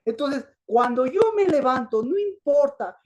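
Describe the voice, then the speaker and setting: A woman's voice: high-pitched, animated, unhurried, a little mellow. A woman preaching a sermon, asking her listeners questions and answering them herself, repeating herself for emphasis. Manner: repetitive, emphatic.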